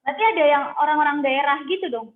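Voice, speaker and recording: A woman interviewing a guest casually over a call, with quick, easy back-channel replies. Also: sits high, echoey room. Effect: heard over a phone line. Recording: narrow tinny phone-like sound.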